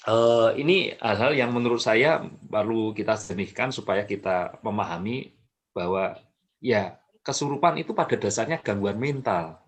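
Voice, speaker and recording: A man explaining a topic calmly as an expert guest, with frequent fillers and self-corrections. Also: fairly low pitch, normal speed. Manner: calm, explanatory, many fillers and restarts. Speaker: mental health expert guest. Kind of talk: explanatory talk.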